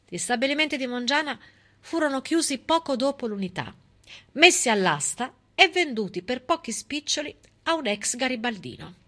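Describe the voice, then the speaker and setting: A woman delivers a theatrical narrative monologue as a stage storyteller, speaking emphatically with dramatic pauses and a note of irony. Her voice sits high and sounds a bit bright, and she is very animated.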